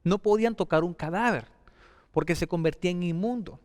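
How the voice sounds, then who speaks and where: A man preaching a sermon, emphatic and repetitive, swinging between loud declarations and soft, drawn-out phrases. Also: no echo, in a large hall. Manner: emphatic, repeats key phrases with swings of pitch and loudness.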